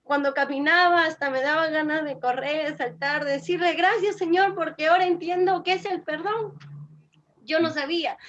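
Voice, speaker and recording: Peruvian woman telling her faith testimony, high voice, earnest, repeats herself for emphasis, kinda muffled lo-fi audio. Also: a bit bright, a little hiss or hum. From Peru. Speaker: interviewee giving testimony. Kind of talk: religious personal testimony.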